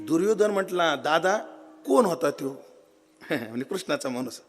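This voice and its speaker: A man's voice: a little high, moderate pace, loud music behind the voice. A man delivering a devotional kirtan sermon. He tells the story with acted dialogue and quizzes his listeners. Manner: lively storyteller acting out dialogue, quizzing the audience. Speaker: kirtan preacher. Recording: echoey hall with tabla and instruments.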